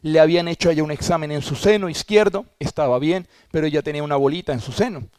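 A man preaches from the pulpit, his voice sitting a touch high for a man. He tells his testimony earnestly and stumbles over restarts now and then. The sound is close and dry, with no room behind it. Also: a little mellow, no room sound. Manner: earnest storytelling, with halting restarts. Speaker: pastor. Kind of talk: sermon testimony.

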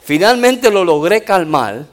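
A male pastor preaching a sermon, telling stories in an animated way and often saying amen. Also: high voice, a little slow. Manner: animated storytelling, punctuated with amens. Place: church in the United States.

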